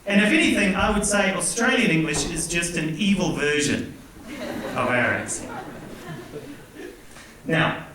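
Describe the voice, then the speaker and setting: Kiwi guy doing stand-up as emcee, slow and bouncy, heard from far off in an echoey hall with crowd noise. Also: on the high side, animated. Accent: New Zealand. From New Zealand. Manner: playful, self-mocking jokes with hesitant fillers. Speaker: master of ceremonies and English teacher. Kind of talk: stand-up comedy hosting a live stage event. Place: large indoor theatre hall. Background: audience laughter and room ambience.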